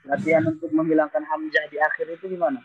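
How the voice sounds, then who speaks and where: A man's voice: fairly high pitch, flat delivery, slightly rough, dull audio. A male student asking his teacher questions during an online lesson. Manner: asks questions quickly.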